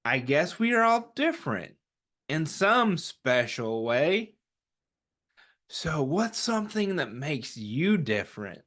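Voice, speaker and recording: This man's fairly high, sing-song voice moves slowly and has a fairly bright quality. He runs a children's story time, reading aloud and talking warmly with young listeners, frequently asking them questions and then supplying the answers himself.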